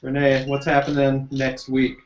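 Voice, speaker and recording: A man co-hosting a casual TV recap chat, relaxed, teasing and analytical. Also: medium pitch, normal speed, slight background noise. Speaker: co-host. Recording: roomy, dull lo-fi recording.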